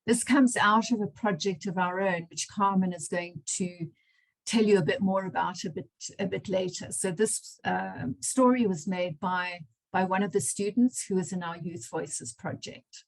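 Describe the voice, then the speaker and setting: A woman's voice: mid-range voice, fairly even intonation, moderate pace, vocal fry, rough recording. A woman facilitating an online workshop, explaining steps with frequent ums. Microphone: video call.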